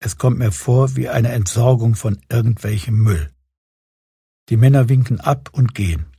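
A man reads his own reportage aloud in a sober, measured way with a wry edge. His voice is strongly husky and darkly mellow. The recording is close and dry. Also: medium pitch, no echo. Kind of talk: scripted first-person narration.

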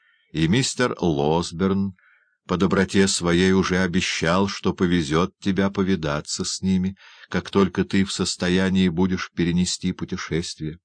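A man voicing a gentle young lady who speaks softly and tenderly. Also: deep voice, fairly even intonation, moderate pace, no echo, natural voice.

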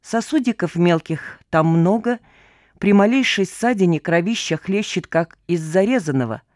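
A woman reading an audiobook voices a brisk, sardonic middle-aged woman who speaks curtly and with dry irony. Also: on the low side, lively intonation, darkish tone, no echo, close to an everyday voice. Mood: matter-of-fact. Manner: curt and dryly ironic. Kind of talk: audiobook character voice.

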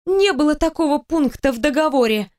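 A woman voicing a flustered, indignant young female office worker in an audiobook, protesting in a high, drawn-out voice. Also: animated, a little mellow. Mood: outraged.

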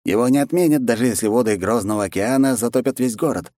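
A man's voice: medium pitch, fast talker, dark tone, dry recording, clean studio sound, pitched above the performer's own voice, close to an everyday voice. A man voicing a formal, stern tournament manager who reads out rules and results in a storybook. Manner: formal, official, reprimanding.

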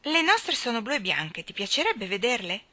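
A woman's voice: fairly high pitch, big pitch swings, moderate pace, pushed and bright, heavily acted. A woman voicing a cheeky little boy painted on a china vase, who talks in a teasing, reproachful way.

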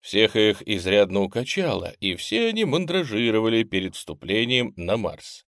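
Low, lively male audiobook narrator. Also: normal speed, no room sound, studio quality.

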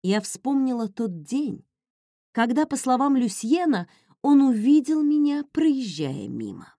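Slow, mellow-voiced woman narrating. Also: high voice, no room sound, studio quality. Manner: slow, expressive dramatic reading. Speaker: audiobook narrator. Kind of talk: first-person audiobook narration.

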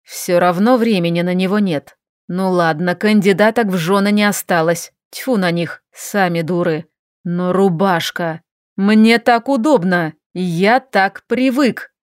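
Woman doing a gruff bossy orc ruler. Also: lowish voice, dry recording, studio quality, lightly acted. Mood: grumbling. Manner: gruff, bellowing, slow and bossy. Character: brash stubborn male orc ruler. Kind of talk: audiobook character voice.

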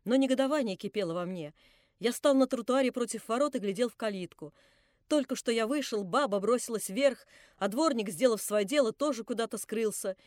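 High-voiced woman reading a classic novel. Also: no room sound, clean studio sound. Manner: measured, dramatic, quieter in narration. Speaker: audiobook reader.

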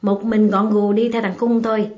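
A woman's voice: mid-range voice, measured pace, darkish tone, close to an everyday voice. A woman reading the part of a stern male village official who gives curt orders. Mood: commanding. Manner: curt, commanding. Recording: slightly muffled, faint music behind.

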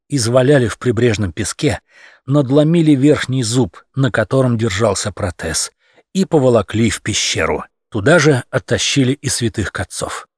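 A man narrating a humorous audiobook story in a lively, expressive way. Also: medium pitch, husky, dry recording, clean studio sound.

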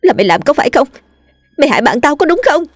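A woman voicing a distraught teenage schoolgirl in a spoken ghost story, with shrill, sobbing outbursts. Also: sing-song, fast, no room sound, studio quality. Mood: furious. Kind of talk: storytelling role voice.

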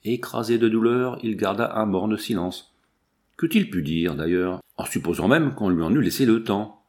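A man reading a novel aloud as an audiobook narrator, in steady, measured storytelling. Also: lowish voice. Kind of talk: scripted narration.

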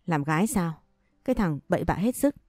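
A woman's voice: lowish voice, animated, fairly quick, warm tone, no room sound, studio quality. A woman reading a blunt, scolding older mother. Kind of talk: audio story reading.

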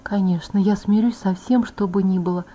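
A woman reading an audiobook voices a tender young immortal man, speaking softly and low. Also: fairly even intonation, normal speed, highs cut off, natural voice. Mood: hushed earnest.

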